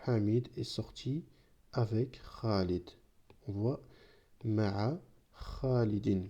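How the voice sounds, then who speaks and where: A man's voice: lowish voice, slow, dark tone. A man, a native Arabic speaker, explaining an Arabic grammar lesson patiently, often checking in with "d'accord?". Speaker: Arabic teacher. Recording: dull lo-fi sound.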